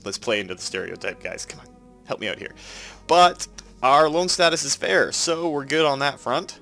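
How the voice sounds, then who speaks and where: A let's play host with a Canadian accent and a head cold that makes him nasal chats casually while playing and explaining his moves. His voice is a little high, creaky, and sharp, with lively intonation at normal speed, and faint music plays behind him.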